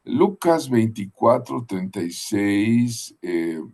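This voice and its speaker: Man, Bible class lecture, unhurried, frequent tag questions, lowish voice. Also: very animated, darkish tone. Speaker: Bible teacher.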